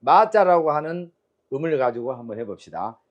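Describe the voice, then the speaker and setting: A man's voice: a little high, sing-song, normal speed, muffled recording. A man teaching Chinese characters and tones, quizzing his students and drilling sounds aloud in a call-and-response lecture.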